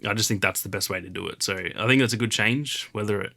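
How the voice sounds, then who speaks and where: Male podcast co-host, lowish bright tone, loose rambling chat. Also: fast, creaky. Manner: rambling, filler-heavy, animated retelling. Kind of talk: casual chat.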